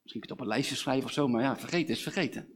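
A man's voice: medium pitch, racing, breathy edge. Man, sermon, casual preaching, mid-range voice, pleading questions. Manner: informal, conversational preaching with fillers and rising pleas. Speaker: pastor.

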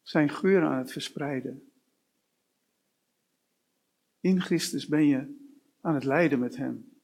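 A man's voice: fairly high pitch, gravelly, a little mellow. A man preaching a sermon, working through long runs of short rhetorical questions. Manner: slow, with repeated rhetorical questions.

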